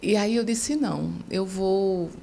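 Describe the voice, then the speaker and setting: A woman's voice: medium pitch, slow pace, gravelly, dark tone, slight background noise. A chatty middle-aged woman with a Paraíba accent, a podcast guest talking in a casual interview and laughing often. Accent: Paraíba Northeastern Brazilian. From Campina Grande, Paraíba, Brazil.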